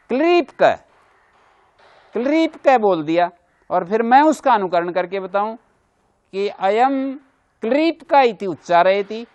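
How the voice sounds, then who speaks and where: A man's voice: high-pitched, a little mellow, muffled recording. A man teaching a Sanskrit grammar class, patiently explaining points and repeating examples. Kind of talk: classroom lecture.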